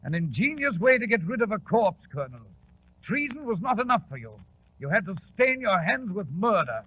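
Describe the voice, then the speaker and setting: A man's voice: high voice, big pitch swings, fairly quick, husky, full character voice. A man playing a genteel, upright doctor telling stories with courtly phrasing in 1940s radio drama. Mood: stern. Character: genteel English doctor, loyal storytelling companion, upright. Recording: tinny 1940s radio recording.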